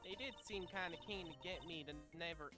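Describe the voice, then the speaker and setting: A brash, folksy southern newswoman played by a streamer who drawls every line. The voice sits mid-pitch, over soft background music from a game stream. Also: brisk, natural voice. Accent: put-on American Southern. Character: brash southern woman photojournalist. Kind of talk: reading game dialogue aloud.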